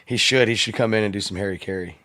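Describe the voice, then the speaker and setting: A slightly hoarse man hosting a live open-mic stream, rambling, swearing and laughing in casual chat. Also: on the low side, fast talker, pushed and bright, no room sound.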